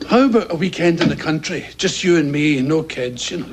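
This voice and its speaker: Boyfriend in TV comedy-drama, male actor: high-pitched, lively swings, eager, backpedalling, easily wounded. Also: fairly quick, very noisy, natural voice. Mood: coyly bargaining. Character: eager, jealous, soft-hearted boyfriend named Billy. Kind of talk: television comedy-drama acting.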